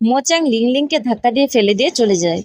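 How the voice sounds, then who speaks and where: A woman narrating a recap of a drama in a steady, even reading voice. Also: on the high side, fast talker, no echo, clean studio sound. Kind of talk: scripted story recap narration.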